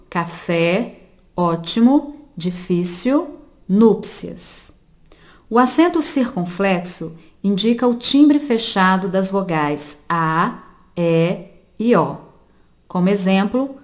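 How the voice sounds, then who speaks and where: A woman reading a grammar lesson aloud for an audiobook, slowly and carefully, spelling out each example word by word. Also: mid-range voice. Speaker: volunteer reader of an audiobook lesson.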